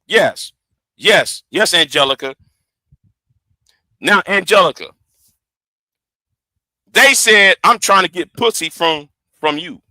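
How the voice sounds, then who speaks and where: A man's voice: sits high, animated, slow, long pauses, bright, forceful tone, no room sound. A man in his forties hosting a livestream, talking heatedly to his audience, stammering and repeating words as he defends himself. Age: 40s. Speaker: livestream host.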